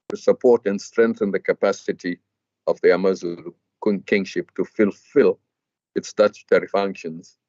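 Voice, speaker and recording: A man arguing a legal point before a judge, formal and measured, with some hesitant fillers and restarts. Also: on the low side, darkish tone, dry recording. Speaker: advocate arguing in court. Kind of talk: legal argument. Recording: dull lo-fi dry hearing audio.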